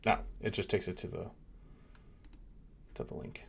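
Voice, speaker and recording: A man's voice: normal speed, slight background noise. A middle-aged man hosting a live stream as a professor, giving casual reaction commentary and thinking aloud with lots of fillers. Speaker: livestream host, neuroscience professor.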